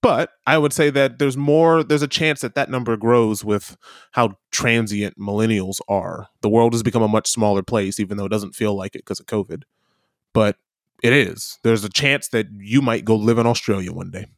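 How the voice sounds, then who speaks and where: A Midwestern American man in his thirties chats casually, arguing his point and laughing easily. His voice is fairly low with fairly even intonation at normal speed, captured in clean studio sound with no echo.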